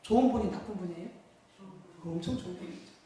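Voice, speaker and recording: A man's voice: high-pitched, fast talker, mellow, a little hiss or hum. A man preaching a sermon in a church hall, asking the congregation questions and answering them himself. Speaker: pastor. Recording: echoey hall, mic far off.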